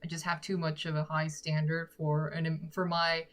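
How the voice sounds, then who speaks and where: A young Korean woman who is a singer-songwriter answers live comments in a casual chat with viewers; her voice is low and monotone at a moderate pace, and she giggles and thinks aloud.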